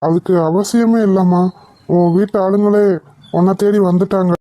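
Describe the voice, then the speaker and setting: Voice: medium pitch, fairly even intonation, moderate pace, dark tone, a little hiss or hum, natural voice. A voice actor playing a modest, good-hearted husband in a cartoon who speaks reassuringly. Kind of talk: cartoon voice acting.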